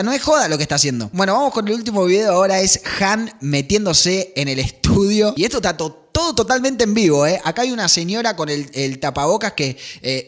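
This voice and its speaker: A man with a Rioplatense Spanish accent, commentating excitedly on music clips, swearing and singing along. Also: sits high. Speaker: reaction video host. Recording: music clips playing behind.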